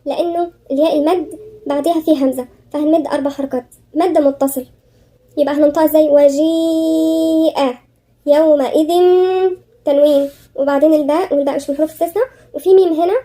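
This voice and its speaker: Very high-voiced Egyptian woman teaching tajweed. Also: steady tone, dark tone. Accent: Egyptian Arabic. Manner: slow chanted recitation between quick step-by-step explanations. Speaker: Quran recitation teacher. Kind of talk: tajweed lesson.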